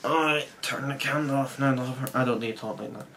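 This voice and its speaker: A man's voice: mid-range voice, quick pace, fairly bright tone. A man with a Scottish accent chatting offhand and swearing casually while unboxing something at home. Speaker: vlogger unboxing a keyboard. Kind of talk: casual joking chat. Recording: noisy home video recording.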